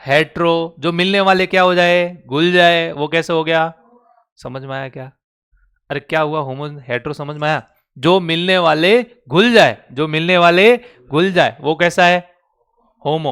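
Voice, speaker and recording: In a recorded online chemistry lecture, this man speaks in a high, slightly bright voice that is clear and resonant. Teaching in Hindi with a Rajasthani accent, he keeps firing call-and-response questions at his students.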